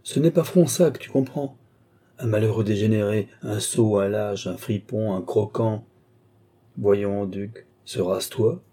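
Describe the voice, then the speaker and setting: A man reading an audiobook, voicing a scheming old male marshal who wheedles and then scolds in sudden high bursts. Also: measured pace, warm tone. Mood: exasperated.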